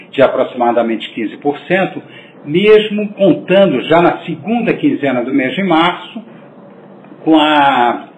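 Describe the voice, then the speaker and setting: A Brazilian man presenting company results as its president, formal and measured, with halting phrasing. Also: mid-range voice. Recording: noisy, echoey phone-line audio.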